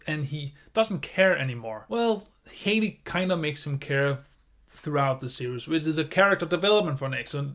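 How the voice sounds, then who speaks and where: A man's voice: on the high side, fairly bright tone. A man giving a casual video review of a TV series, enthusiastic and rambling, often circling back on his points.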